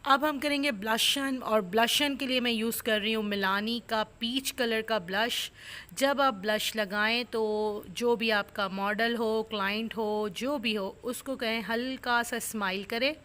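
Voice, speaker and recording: A woman's voice: on the high side, fairly even intonation, a little slow, fairly bright tone. Woman explaining a makeup tutorial. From Pakistan. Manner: instructive, step-by-step explanations with many fillers. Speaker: makeup artist.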